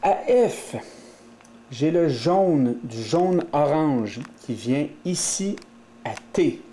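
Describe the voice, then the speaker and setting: Québécois man, mellow voice, methodical tutorial delivery, light background hiss. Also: on the high side, animated, drawn-out words. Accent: Québécois French. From Quebec. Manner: methodical, thinking aloud. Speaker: instructor. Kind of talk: step-by-step tutorial.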